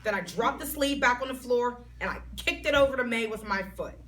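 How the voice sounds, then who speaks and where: A woman reading a children's chapter book aloud in an expressive, child-like narrating voice. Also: a little high, a little fast. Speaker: storytime reader. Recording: voice a bit far from mic, faint background noise.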